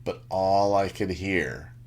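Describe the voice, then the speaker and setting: Slow, deep-voiced man ranting casually. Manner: rambling, ranting, swears, many fillers. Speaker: podcast co-host. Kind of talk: unscripted casual chat.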